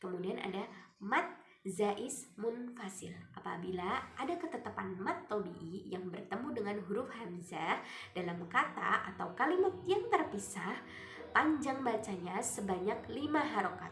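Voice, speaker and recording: A woman, a student, explaining recitation rules step by step and drawing out the example words slowly. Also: medium pitch, expressive, fairly bright tone. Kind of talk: recited tajwid lesson with Quran examples. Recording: echoey room, faint music behind.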